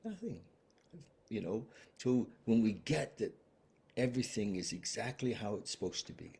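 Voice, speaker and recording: A man hosting a recovery video from home, talking casually and gently, with many restarts, and apologetic. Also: fairly low pitch, normal speed, creaky, breathy edge. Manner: rambling, many restarts and fillers. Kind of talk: casual heartfelt talk. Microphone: webcam video stream.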